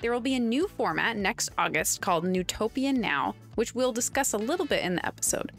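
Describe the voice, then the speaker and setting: A woman's voice: on the high side, animated, a little fast, soft background music. A woman hosting a podcast, reading an upbeat scripted intro and then chatting with guests. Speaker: podcast host.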